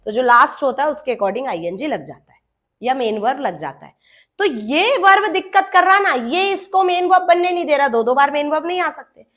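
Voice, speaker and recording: A high-pitched woman teaching an English grammar class. She speaks to her students in a familiar way, calling them "beta," and turns grammar words into little characters who talk to each other. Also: expressive, normal speed, a bit bright. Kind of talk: classroom lesson.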